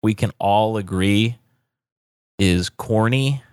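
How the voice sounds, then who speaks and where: A podcast co-host with a lowish, slightly mellow, clear, and resonant voice speaks slowly in a dry studio recording. In casual chat, he delivers blunt, profane hot takes and trash talk, swearing plenty.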